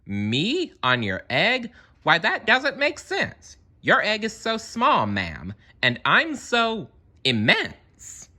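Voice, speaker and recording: A man plays a huge, gentle storybook elephant, faithful and a little put-upon. The voice is very bright and forceful, swinging widely in pitch, with earnest, drawn-out emphasis on key words. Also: huge pitch swings, full character voice. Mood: incredulous. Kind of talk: children's storybook character voice.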